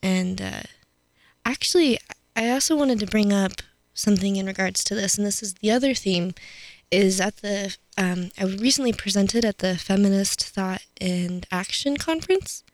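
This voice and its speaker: A woman's voice: medium pitch, moderate pace, no room sound. Chatty young woman co-hosting a radio podcast. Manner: animated, laughs often, says "like" a lot. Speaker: college radio podcast co-host. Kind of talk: casual chat. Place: radio studio.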